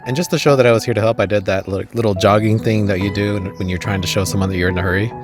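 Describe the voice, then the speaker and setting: A man's voice: lowish voice, steady tone, rapid-fire, music in the background. A young man telling comedic travel stories outdoors, self-deprecating with wry asides. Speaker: travel vlogger.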